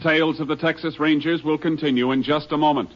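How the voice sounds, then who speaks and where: Old radio show announcer guy, dramatic, highish voice, big music behind, dull audio. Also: steady tone, fast talker. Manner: declamatory, dramatic. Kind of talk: 1950s radio show introduction, formal announcing. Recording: muffled old radio recording.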